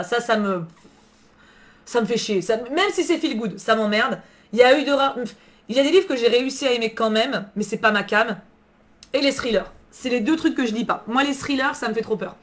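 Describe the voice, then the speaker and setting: A woman's voice: fairly high pitch, fairly bright tone. A woman streaming live, chatting casually about books, answering her chat and swearing freely in slang. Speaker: book streamer.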